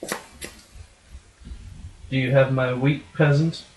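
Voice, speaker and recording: A man's voice: medium pitch, fairly even intonation, very slow, darkish tone. A man voicing a menacing, curt medieval lord puppet who bullies a peasant. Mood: menacing, demanding. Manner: demanding, curt. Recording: echoey room.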